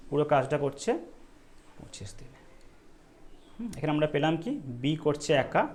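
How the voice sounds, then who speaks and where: A male math teacher working through exam problems step by step, often asking the students if it is clear and telling them not to worry. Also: on the high side, a little mellow. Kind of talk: exam-prep math lesson.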